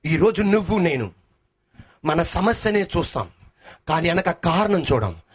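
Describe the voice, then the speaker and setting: A male pastor preaching a sermon, swinging between shouted sing-song lines and lower talk, calling the congregation to answer back. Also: big pitch swings, measured pace, breathy edge.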